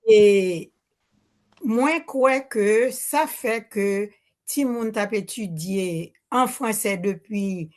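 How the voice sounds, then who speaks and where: A woman's voice: mid-range voice, drawn-out words. Older Haitian woman, hesitant at the mic. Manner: hesitant, restarts often, mixes Creole words into French. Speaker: audience member asking a question. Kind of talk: spontaneous remarks at a public Q&A. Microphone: handheld microphone.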